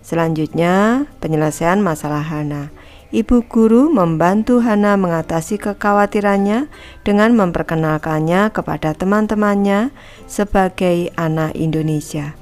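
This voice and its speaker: Over soft background music, a teacher with a lowish, slightly mellow voice reads a lesson from a textbook at normal speed. She patiently explains each part to the schoolchildren, addressing them as anak-anak and calling herself Ibu.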